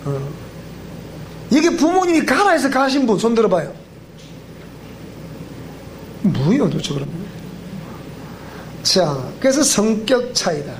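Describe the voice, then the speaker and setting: A man's voice: high-pitched, measured pace, pauses often. Male pastor, Gyeongsang accent, seminar lecture in a church, quizzes the crowd, faint hiss. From Gyeongsang region of Korea. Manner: animated and joking, quizzing the audience. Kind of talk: sermon-style seminar lecture. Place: church hall.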